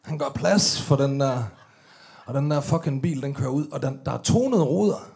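A Danish man with an Aalborg accent telling comic stories live on stage, swearing freely and bursting into loud, acted-out quotes. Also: medium pitch, creaky. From Denmark. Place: large tent venue, live audience.

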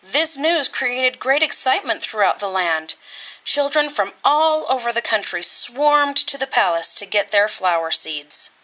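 Woman, expressive children's read-aloud, slow pace, fairly high pitch, dramatic phrasing. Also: low-quality recording. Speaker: teacher reading a picture book.

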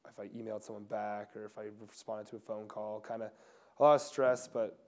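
A young man talks through interview answers in a relaxed, casual way, often restarting his sentences. His voice sits low and smooth, with a fairly flat pitch. He is recorded sitting in an indoor lodge room. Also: fairly quick. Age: young adult. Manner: casual, soft-spoken, many fillers and restarts. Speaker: pro skier interviewee.

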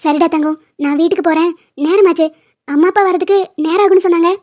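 A woman voicing a kindly, doting elderly grandmother in an animated series. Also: extremely high pitch, fast. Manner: warm, doting, affectionate. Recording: dull lo-fi sound.

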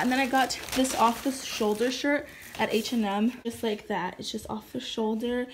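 A woman's voice: mid-range voice, a little hiss or hum. A young woman in her twenties chatting casually to viewers about a shopping haul, full of fillers, recorded on a phone at home. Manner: chatty, filler-heavy, addresses viewers directly. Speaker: beauty vlogger. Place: home kitchen, indoors.

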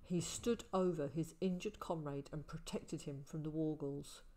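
A woman reading the part of a calm older male ranger, speaking quietly and soberly. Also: low-pitched, a little slow, voice pushed down. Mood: storytelling.

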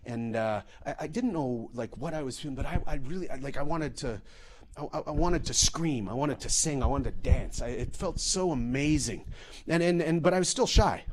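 A man from Canada giving a comedic storytelling talk, animated and full of restarts and repeated words. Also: medium pitch, moderate pace. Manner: animated, many restarts and repetitions. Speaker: public speaker.

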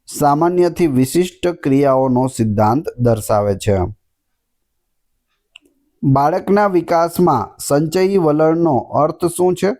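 Man, exam-prep teacher, question-then-answer delivery, warm dark tone. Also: on the high side, a little slow. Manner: reads each question, then gives the answer.

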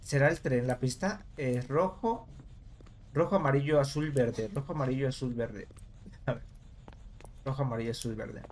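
Male gamer, relaxed let's-play chatter, mid pitch, faint hiss behind. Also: normal speed, long pauses. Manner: casual, talks to viewers while puzzling aloud. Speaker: gameplay commentator.

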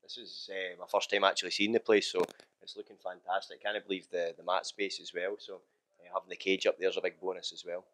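A man in his thirties, an MMA fighter, answering interview questions in a relaxed way with many fillers, recorded indoors in a small gym room on a handheld mic. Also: low-pitched, fast talker. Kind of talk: post-training interview. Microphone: handheld mic held close.

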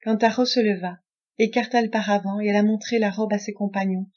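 A woman narrating a classic novel as an audiobook in a measured storytelling manner. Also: medium pitch, steady tone, darkish tone, muffled recording. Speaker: audiobook reader.

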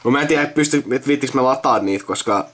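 A young man with a mid-range, fairly bright voice thinks out loud in loose, rambling chat, leaving sentences unfinished. He is a video host filming himself with a friend while indoors at a computer.

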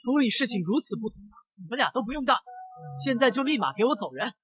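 A man's voice: extremely high pitch, big pitch swings, fast talker, fairly bright tone, soft background music, pitched above the performer's own voice, full character voice. A man voicing a stern, commanding male company director who gives cold orders. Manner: cold, authoritative.

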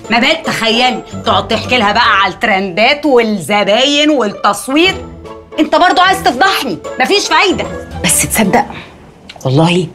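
A middle-aged Egyptian mother who scolds her grown children in a quick, lively voice that swings high and low. Her pitch sits a little above the usual and she lectures without pause. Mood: scolding. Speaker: actress. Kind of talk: TV drama acting.

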